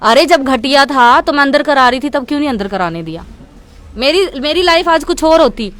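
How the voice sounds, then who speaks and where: A woman's voice: high voice, lively intonation, a little fast, fairly bright tone. A young woman from Chandigarh giving a heated media interview, speaking in an indignant, insistent way. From Chandigarh, India. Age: young adult. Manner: indignant, insistent, keeps repeating "okay".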